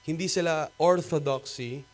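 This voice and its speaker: A man with a Filipino accent, a pastor preaching a sermon in an animated, rhetorical way, switching between Tagalog and English. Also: fairly high pitch, unhurried. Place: cinema used as a church hall.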